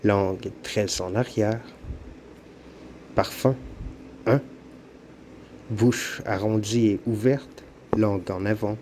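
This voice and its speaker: A man with a Quebec French accent narrates an educational lesson in a slow, measured reading. His voice sits on the low side with a dark, mellow tone. Faint background noise sits under the recording. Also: steady tone. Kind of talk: scripted narration.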